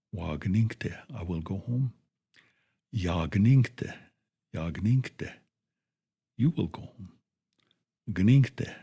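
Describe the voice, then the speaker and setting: A low, dark-toned man with a gravelly, husky voice leads a radio language lesson. He speaks very slowly and patiently, saying each phrase twice before giving its meaning.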